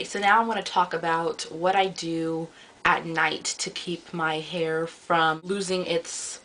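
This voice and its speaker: A woman's voice: on the low side, fairly bright tone, low-quality recording. A young woman from the United States giving a casual, rambling hair review on her vlog, full of ums and self-corrections. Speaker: beauty vlogger. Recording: faint background noise.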